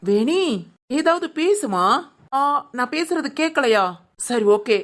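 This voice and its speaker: A woman voicing a lecherous, scheming young village man in an animated cartoon, teasing and smug. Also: high voice, takes it slowly. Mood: leering.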